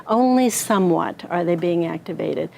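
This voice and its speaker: A woman's voice: fairly low pitch, moderate pace, gravelly, warm tone, slight background noise. Woman explaining pelvic anatomy. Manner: conversational, asks the audience questions. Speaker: pelvic floor therapist. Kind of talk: health talk with anatomical model. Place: talk in front of an audience.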